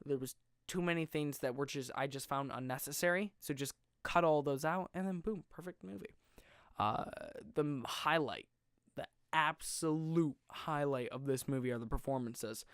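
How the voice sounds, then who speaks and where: A man's voice: on the high side, normal speed, smooth, no echo, clean studio sound. Young man rambling through a film review. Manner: rambling and excitable, with frequent self-corrections. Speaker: podcast host.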